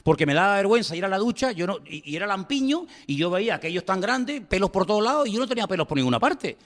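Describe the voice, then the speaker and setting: A man preaching a sermon with a Spanish accent from Spain. His voice sits a little on the high side and trails a long echo through the church hall. He leans hard on repetition and keeps asking his listeners rhetorical questions. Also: big pitch swings, quick pace, a bit bright. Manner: emphatic, repeats phrases, asks the congregation rhetorical questions. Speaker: pastor.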